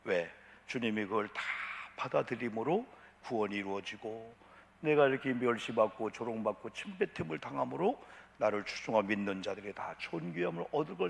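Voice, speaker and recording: A man's voice: mid-range voice, vocal fry. A man preaching a sermon as pastor, asking rhetorical questions with emphatic delivery. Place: church sanctuary. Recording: long church reverb.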